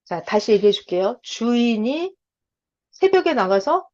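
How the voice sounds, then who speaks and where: A woman teaching a Bible study online in an animated way, often asking her listeners questions. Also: a little high, a little slow. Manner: animated, asks the audience questions. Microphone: video call. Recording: lo-fi video call audio.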